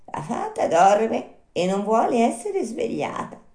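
A woman voicing an unhurried female snail, calm and phlegmatic, drawing out her words slowly. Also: on the high side, pitched above the performer's own voice. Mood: placid. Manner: slow drawn-out calm speech. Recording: roomy echo.

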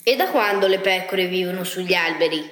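A curious, skeptical little bird in a children's storybook, voiced by a woman. It fires off quick, quizzical questions. The sound is a bit roomy. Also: on the low side, a bit bright, close to an everyday voice. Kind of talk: storybook reading.

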